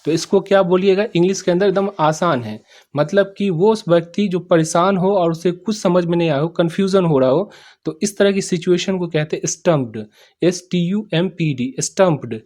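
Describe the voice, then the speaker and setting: A man teaching English sentences in Hindi, repeating each phrase slowly, spelling out words and often asking if students understood. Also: high-pitched, a little mellow. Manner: repeats each sentence slowly, checks "samajh mein aa gaya?"; spells and sounds out words letter by letter. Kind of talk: spoken English lesson explained in Hindi.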